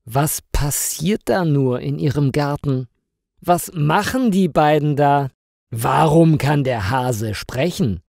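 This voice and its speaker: A man reading a story aloud slowly and clearly for language learners, in a scripted narration style. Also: on the high side, animated, darkish tone, no echo, clean studio sound. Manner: slow, clearly articulated reading.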